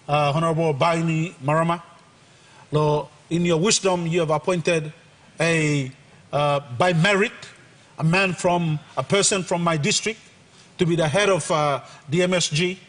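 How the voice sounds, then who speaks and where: A man with a Papua New Guinean accent making an impromptu speech as a member of parliament, with long hall reverb. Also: on the high side. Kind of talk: impromptu parliamentary speech mixing English and Tok Pisin.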